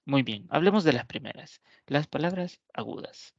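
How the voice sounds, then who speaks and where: A male teacher giving an explanatory grammar lesson, asking rhetorical questions, answering them himself, and saying example words slowly. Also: fairly high pitch, lively intonation, dry recording. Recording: dull lo-fi dry recording.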